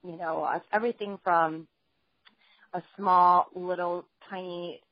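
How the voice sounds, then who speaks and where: A woman's voice: on the low side, fairly even intonation, slow, dry recording. Woman telling her story over a dull phone line. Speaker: guest journalist and author. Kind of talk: phone interview, personal story.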